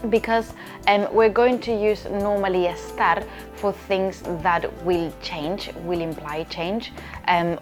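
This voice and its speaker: A woman from Spain, a language teacher explaining grammar in an online lesson, often checking in with "okay?". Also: on the low side. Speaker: Spanish teacher.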